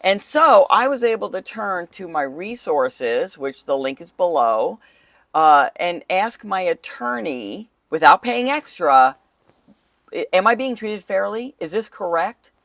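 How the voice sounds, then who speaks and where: Lively, chatty middle-aged woman. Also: on the low side, measured pace, no echo. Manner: animated, talkative, laughs easily. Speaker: dating coach. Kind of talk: casual co-hosted chat.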